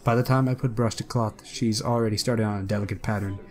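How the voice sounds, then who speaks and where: A man's voice: on the low side, fairly even intonation, fast talker, darkish tone. A man reading a visual novel aloud for a let's play, with casual asides. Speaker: let's player.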